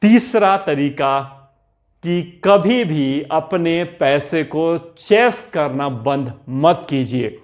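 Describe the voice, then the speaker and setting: Earnest, higher-pitched male motivational speaker. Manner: earnest and exhorting, with rhetorical questions and repeated commands. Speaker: motivational speaker on personal finance. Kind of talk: motivational talk.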